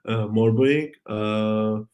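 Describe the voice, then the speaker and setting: An Arabic-speaking man gives an online tech talk and fields questions as a conference speaker. His lowish, slightly mellow voice comes out haltingly, full of fillers and restarts.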